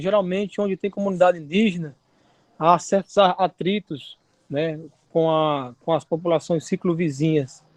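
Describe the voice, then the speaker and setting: High-voiced man, dry sound. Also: darkish tone, dry recording. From Alagoas, Brazil. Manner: measured, with hesitations and tag questions. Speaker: seminar guest, filmmaker. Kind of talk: online seminar talk.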